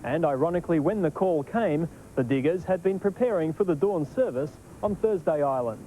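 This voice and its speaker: A man's voice: a little high, lively intonation, a little fast, mellow, slight background noise, poor audio. A man with an Australian accent narrating a scripted television news report as a reporter.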